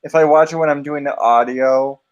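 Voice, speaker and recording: A man's voice: on the high side, steady tone, moderate pace, highs cut off. A male streamer chatting casually, mumbling to himself while he browses. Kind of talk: casual chat.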